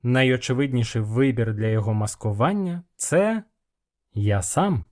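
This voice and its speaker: A man narrating a fantasy audiobook in the first person, with even, measured storytelling. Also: mid-range voice.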